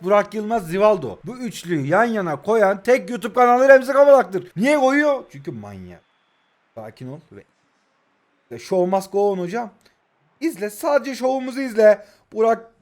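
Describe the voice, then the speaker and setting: A man in his twenties from Turkey, commentating his own football video game match, yelling at his players one moment and muttering the next. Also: high voice. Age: 20s. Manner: loud swings between shouting at players and muttering. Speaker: mobile football gaming YouTuber. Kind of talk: excitable live gameplay commentary.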